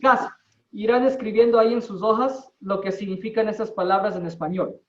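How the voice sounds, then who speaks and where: A man teaching an English class in Spanish, explaining slowly and deliberately and checking in with his students. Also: high-pitched, fairly even intonation. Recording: distant, roomy, dull-sounding.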